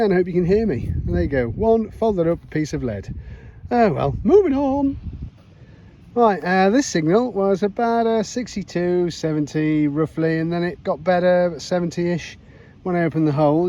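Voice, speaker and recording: A man chatting casually to camera as he metal detects in a pasture field, self-deprecating and quick to exclaim. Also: high-pitched, dark tone, dull audio, a little hiss or hum. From United Kingdom. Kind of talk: casual self-filmed commentary. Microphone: chest cam or handheld camera.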